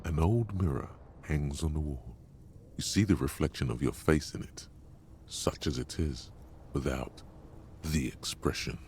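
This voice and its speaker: A gravelly, very deep game narrator. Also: male voice, darkish tone, a little hiss or hum. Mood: solemn. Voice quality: gravelly, slow and measured. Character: brooding omniscient male narrator, gravelly, solemn. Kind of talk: dramatic video game narration.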